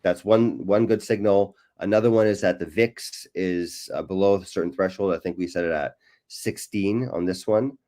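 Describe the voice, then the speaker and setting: Low-voiced man explaining trades. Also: normal speed, warm tone. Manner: explanatory, many fillers and "right?" tags. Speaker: guest explaining trading algorithms. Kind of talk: casual interview chat.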